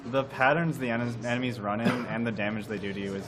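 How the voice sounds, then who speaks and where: A man's voice: mid-range voice, steady tone, fast. A man playing a co-op speedrun who explains the game plainly. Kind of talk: live co-op speedrun commentary.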